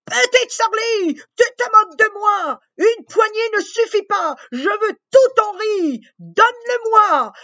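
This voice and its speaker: A woman's voice: extremely high pitch, lively intonation, takes it slowly, hardly any pauses, voice pushed up, exaggerated voice. Roaring river dragon, as a woman puts him on. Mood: furious. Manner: loud, roaring, demanding. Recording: dull lo-fi recording.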